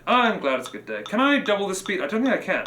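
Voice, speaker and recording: A man's voice: sits high, huge pitch swings, rapid-fire, very noisy. A man who teaches drums, chatting casually on a live stream while practicing, musing aloud and chanting counts and drum syllables. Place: room with drum kit. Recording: roomy live stream with loud clattering percussion.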